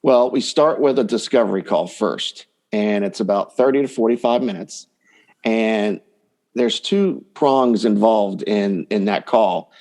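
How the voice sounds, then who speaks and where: A man speaking as a podcast guest explains his work as a dating coach in a casual interview. His voice is fairly low with a darkish tone, and he takes his time.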